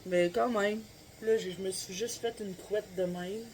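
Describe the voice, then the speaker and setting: A woman's voice: mid-range voice, fairly even intonation, unhurried, a little mellow, slight background noise. A woman with a Québécois accent chatting casually in a home vlog, rambling along with lots of fillers and talking through a stuffy nose. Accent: Québécois French. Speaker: vlogger and mom. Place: at home, kitchen then in bed. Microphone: handheld phone camera, no tripod.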